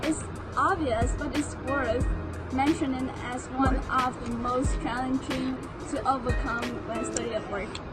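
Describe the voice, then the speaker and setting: High-voiced Vietnamese-accented young woman. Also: fairly even intonation, unhurried, poor audio. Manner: careful, earnest, non-native phrasing. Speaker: international student. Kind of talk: scripted personal account. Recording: loud music and crowd chatter behind.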